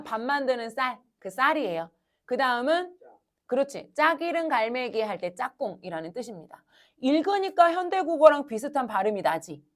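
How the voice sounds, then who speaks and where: A woman teaching a high-school language class, asking students questions and answering them herself in a brisk, coaxing way. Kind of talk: classroom lecture.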